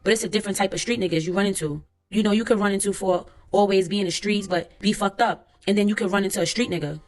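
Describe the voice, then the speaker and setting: Faint music sits behind a woman who reads a court transcript aloud in the words of a young male witness. Her medium-pitched delivery is steady, plain, unhurried and lightly acted, packed with street slang.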